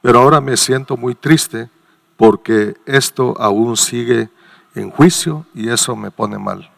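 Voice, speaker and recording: A man reads a listener's letter aloud on the radio at a middle pitch. His voice is gravelly with plenty of fry, and his delivery is plain and measured. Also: fairly bright tone. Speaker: reader of listener messages.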